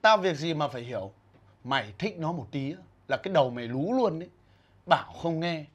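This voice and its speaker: A man's voice: a little high, animated, a little fast, slightly rough. A young man, acting as a bossy single older brother who scolds and brags in a comedy short film. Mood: scolding. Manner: grumbling, scolding, boastful.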